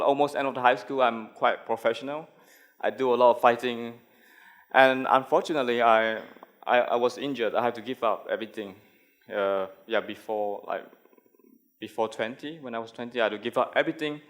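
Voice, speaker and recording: A young Malaysian man who works as a graphic designer gives a conference talk full of fillers and restarts. His voice sits in the mid range and is a bit bright.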